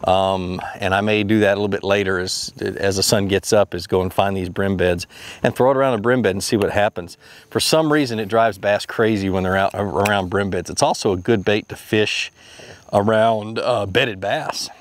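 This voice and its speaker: A man's voice: lowish voice, normal speed. A man in his thirties hosting a fishing video, casually explaining lures and rods from a boat on a lake, rambling with lots of fillers and restarts. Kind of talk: casual how-to narration while fishing.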